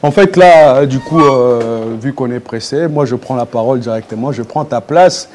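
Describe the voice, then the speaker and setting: A man's voice: medium pitch, moderate pace, darkish tone, faint music behind. A man speaking as a guest and project coordinator on a live TV show, answering briefly and informally.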